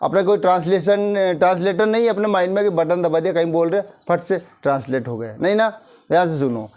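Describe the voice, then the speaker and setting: A man teaching a class, saying English sentences slowly and repeating them before explaining. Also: sits high, a little mellow. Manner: slow, repeats English phrases then explains in Hindi.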